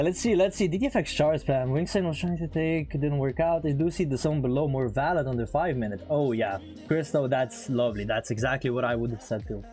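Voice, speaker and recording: A man whose first language isn't English chats casually on a live trading stream, laughing often and reading the chat aloud. His voice is mid-range with a darkish tone, and faint music plays behind him.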